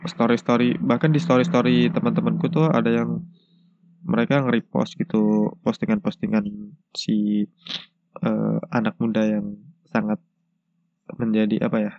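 A young man with a cold and a stuffy, congested nose, hosting a casual solo podcast in a hesitant, halting way. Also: fairly low pitch, darkish tone, dry recording. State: has a cold with a blocked nose. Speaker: podcast host. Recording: dull lo-fi, dry sound.

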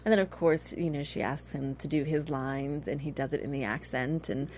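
Chatty woman in her thirties, low voice. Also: normal speed, darkish tone, a little hiss or hum. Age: 30s. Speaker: host. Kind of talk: casual TV recap chat.

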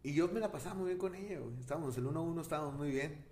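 A man with a Mexican Spanish accent in a casual chat, relaxed and slangy, often cutting in. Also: a little high, very fast.

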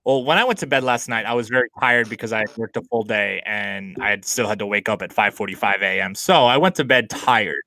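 A man in his thirties hosts a casual podcast with his brother over a laptop call from his small apartment. His voice is fairly low, bright and forceful, and he's upbeat and joking, full of quick asides.

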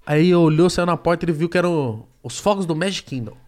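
A man's voice: on the high side, a little fast. A man as a guest in a casual chat, telling stories animatedly and acting out quotes. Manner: animated storyteller, acts out quotes.

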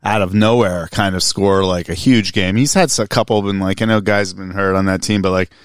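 A man's voice: deep voice, fairly even intonation, a little fast, smooth, no echo, clean studio sound. A man co-hosting a casual chat, asking playful questions.

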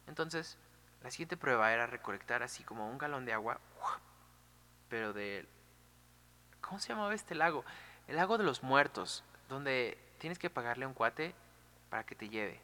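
A man retelling a myth in an animated, chatty way, full of fillers. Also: mid-range voice, normal speed, in a large hall. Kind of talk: casual storytelling.

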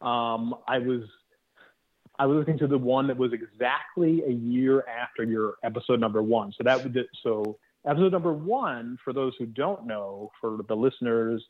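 Rambling man on a thin phone line. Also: normal speed. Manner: rambling, joking, self-interrupting. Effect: thin phone-line sound with no bass. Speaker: podcast guest calling in. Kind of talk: casual podcast chat. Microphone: regular phone.

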